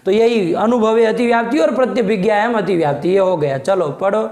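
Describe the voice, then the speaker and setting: A man teaching a classroom lesson, quizzing his students, making them repeat, and scolding the slow ones. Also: high voice, darkish tone, reverberant. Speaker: Sanskrit logic teacher.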